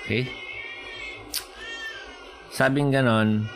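Slow-paced male preacher. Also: medium pitch, steady tone. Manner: Taglish preaching, slow and explanatory, rising with emphasis; checks in with listeners often. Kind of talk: sermon.

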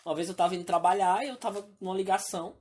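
A young woman telling a story in casual chat, animated and often laughing. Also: medium pitch, very fast, husky. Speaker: group chat participant.

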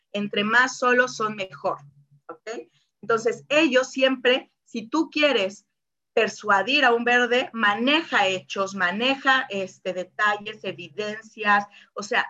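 A woman's voice: medium pitch, sharp tone, lo-fi sound. A woman giving a casual informal lesson, chatty, full of fillers and tag questions, acting out quoted voices. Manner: acts out voices in quoted asides. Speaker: presenter explaining personality colors.

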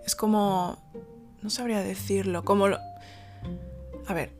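A woman's voice: medium pitch, fairly even intonation, unhurried, music in the background. A woman from Spain, telling a personal story in a casual, rambling way with many fillers and restarts.

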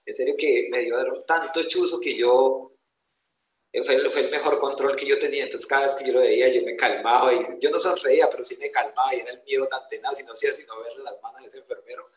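A man's voice: medium pitch, steady tone, fast. Young man, Colombian accent, motivational testimony, emphatic rhetorical questions, echoey hall. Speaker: motivational speaker. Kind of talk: motivational personal testimony to an audience. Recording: roomy echoing venue.

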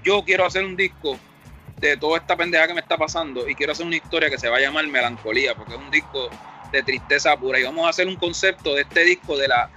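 A middle-aged rapper from Puerto Rico, speaking with a Puerto Rican Spanish accent, tells his story in a casual interview, rambling and reflective and acting out the dialogue he quotes. His voice is a bit high, fast, bright, and forceful, in a muffled recording with faint music behind.

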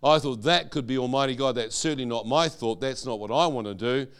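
A man's voice: mid-range voice, brisk, fairly bright tone, clean tone. A man preaching a sermon testimony, telling his story and quizzing the audience with questions.

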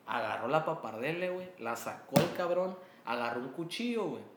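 A man's voice: on the high side, expressive, a little fast, echoey room, heavy background noise. A man with a Mexican Spanish accent, a guest telling a story in a casual chat over beers, slangy and laughing often. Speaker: guest entrepreneur.

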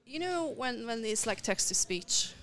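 A woman who works as a voice actress, talking casually as a podcast guest in animated bursts with frequent restarts. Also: fairly high pitch, unhurried. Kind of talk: casual conversation.

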